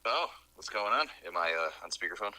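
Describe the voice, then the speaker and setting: Guy on speakerphone from off the mic, kinda low voice, laughing a lot and cussing, chill tattoo artist. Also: animated, brisk, pushed and bright, no room sound. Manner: laid-back, laughing and swearing freely. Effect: on speakerphone over a phone call. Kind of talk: casual phone chat.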